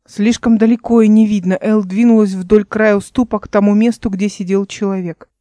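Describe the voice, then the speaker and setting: A woman narrating a fantasy audiobook in a soft, even storytelling manner, close to the mic. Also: mid-range voice, fairly quick, no room sound. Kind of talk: scripted narration. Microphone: close mic, home recording.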